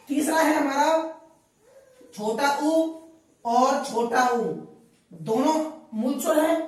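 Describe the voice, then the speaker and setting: A woman's voice: high voice, a little mellow. A woman teaching a grammar lesson, repeating each point and quizzing her listeners with questions. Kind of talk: classroom lesson. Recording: very echoey room, voice from a distance.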